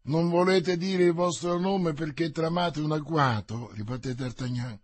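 A man voicing a bold, quick-tempered swordsman who answers threats with mockery, in an audiobook. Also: fairly high pitch, dry recording. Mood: defiant. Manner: defiant, mocking, boastful.

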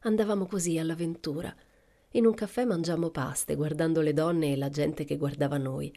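A woman narrating a novel for an audiobook in a calm, measured way, with soft whispered asides. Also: low voice. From Italy. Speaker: audiobook reader.

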